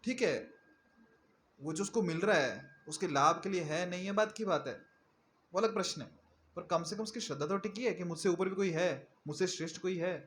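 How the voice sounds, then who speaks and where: A man's voice: high-pitched, normal speed, a bit bright, a little hiss or hum. A male preacher giving a sermon in a conversational manner, often asking his listeners questions. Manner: conversational, asks the audience questions.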